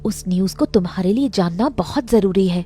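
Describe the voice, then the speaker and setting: A woman's voice: mid-range voice, a little fast, warm tone, husky, soft background music, lightly acted. A woman playing a worried, skeptical young friend in a Hindi audio drama, with a concerned, earnest way of speaking.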